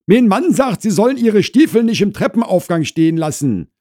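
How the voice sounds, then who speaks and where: A man puts on a shrill woman in her fifties who is easily put out. Her voice sits high and loud, swooping up in indignant bursts. It sounds dry and close, like a comic audiobook. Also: sing-song, normal speed, dry recording.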